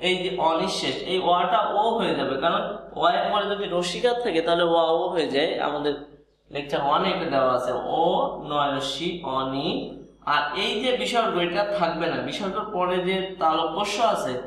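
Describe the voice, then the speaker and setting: A man's voice: a little high, fairly quick, fairly bright tone. A man teaching pronunciation, explaining each step methodically and repeating examples. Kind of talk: pronunciation lesson. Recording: very echoey room.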